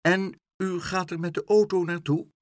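A man's voice: high voice, fairly even intonation, moderate pace, no echo, studio quality, pitched above the performer's own voice, close to an everyday voice. A man voicing a fussy middle-aged woman obsessed with cleanliness, prim and easily shocked.

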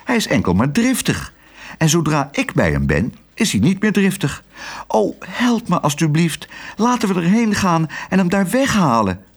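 A man's voice: sits high, steady tone, a little fast, pitched above the performer's own voice, lightly acted. A man voicing an indignant young girl in a children's story, pleading in a raised voice.

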